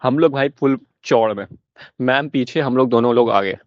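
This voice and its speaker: A young man doing stand-up comedy, telling a school story in an animated way and laughing along with it. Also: medium pitch, normal speed, dry recording, dull audio.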